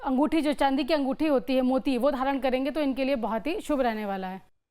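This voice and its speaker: A woman's voice: high voice, fairly quick, warm tone, clean tone. A woman astrologer answering interview questions, giving direct step-by-step remedies and advice. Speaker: astrologer guest.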